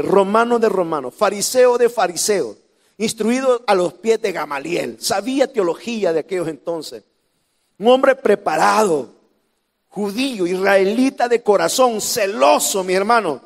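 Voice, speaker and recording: High-voiced Salvadoran pastor preaching. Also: male voice, big-room sound. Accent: Salvadoran Spanish. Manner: preaching with sudden shouts and drops to near whispers; humorous asides to the congregation. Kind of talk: sermon.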